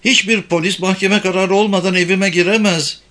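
A man voicing a furious middle-aged woman who shouts from her doorway in an audiobook. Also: fairly even intonation, a little fast. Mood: furious shouting. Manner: shrill, shouting. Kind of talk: audiobook character voice.

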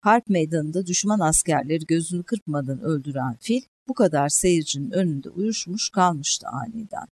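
A measured audiobook narrator telling a historical tale at a steady storytelling pace, raising the pitch to stress key moments. The voice sits in a middle register. The recording is dry and close, with no room sound. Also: no echo.

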